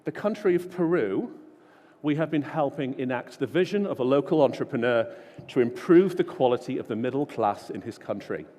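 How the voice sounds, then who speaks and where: A man's voice: mid-range voice, expressive, normal speed, mellow. A man giving an informal, self-deprecating keynote talk full of stories at a large conference. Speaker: conference speaker. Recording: long hall reverb.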